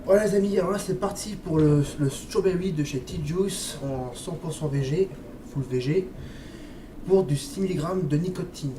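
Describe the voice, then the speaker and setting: In a casual product review vlog, a man who reviews vape liquids talks at a moderate pace in a voice on the high side. Slightly sick, he sounds stuffy and coughs, staying friendly and hesitant, frequently addressing viewers with "les amis" and dropping "hop." An echoey room, distant mic, and noise mark the recording.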